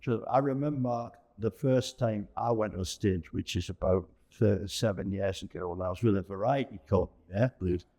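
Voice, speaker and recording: Speaking at a moderate pace with hardly any pauses, a middle-aged or older man in a lowish, dark voice reminisces about his years in amateur pantomime. As an interview guest he keeps things casual and colloquial, peppering his anecdotes with tag phrases.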